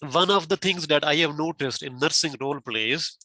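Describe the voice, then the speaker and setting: Bright-voiced man giving tutor feedback. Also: fairly high pitch, moderate pace, dry recording. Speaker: speaking-exam tutor. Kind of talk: instructive feedback.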